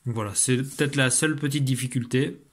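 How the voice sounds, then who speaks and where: A man's voice: mid-range voice, steady tone, a little fast, slightly rough. A man teaching, patiently explaining phonics exercises to parents, with frequent fillers and restarts.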